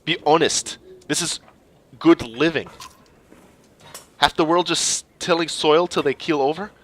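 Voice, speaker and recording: A man's voice: a little high, unhurried. A man voicing a brash, cocky young male Viking warrior in a fantasy game. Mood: swaggering. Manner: swaggering, bold.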